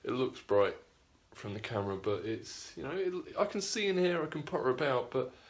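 Brisk and sing-song at a medium pitch, a man in his thirties who normally reviews cycling lights talks his way through a camping lantern. He's chatty and rambling, full of fillers and restarts, moving from a small wooden shed to a home room with echoey acoustics.

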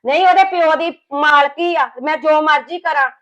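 A woman's voice: sits high, moderate pace, a bit bright. An actress playing an older mother-in-law who scolds and lectures her family in a village drama. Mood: scolding. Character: aging mother, sharp-tongued and scolding.

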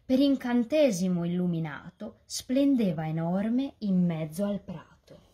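A woman reading a rhyming children's story aloud as a volunteer reader, in a lively, sing-song delivery. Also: medium pitch, a little slow, husky.

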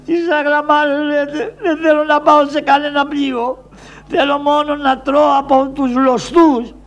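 A man voicing Karagiozis, a cheeky, forgetful poor man from traditional shadow-puppet theatre, with a high, whining, stammering voice. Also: expressive, creaky, heavily acted. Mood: panicked protesting.

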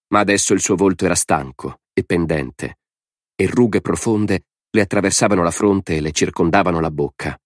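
A man reading an audiobook in a steady, measured narration. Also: sits low, no room sound, studio quality.

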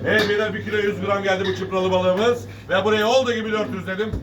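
High-voiced male fish auctioneer, distant mic. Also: little pitch movement, quick pace, over music. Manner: repetitive sing-song auctioneer calls to the crowd. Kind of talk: auctioneer calling weights, prices and bids. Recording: distant mic, noisy market, birds cooing.

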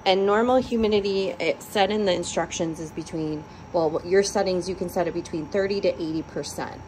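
Holding her phone over the device in her living room, a woman gives a chatty, upbeat product review full of ums. Her voice is lowish and a little mellow, and she talks fairly quickly; the recording is rough, with a little hiss or hum.

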